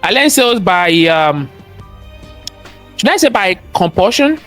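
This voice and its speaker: Faint music sits under this clip of a high-voiced, very animated man with a thick Nigerian accent and a fairly bright tone. A cybersecurity expert guesting in an interview, he speaks a little slowly and in a preachy, motivational style, hammering his points through repetition and rhetorical questions.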